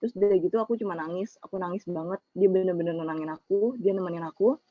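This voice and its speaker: A woman's voice: fairly low pitch, quick pace, no echo. A young woman, telling an emotional personal story in casual slang for a webinar over a video call. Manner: emotional, confessional, Jakarta slang. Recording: muffled lo-fi online call audio.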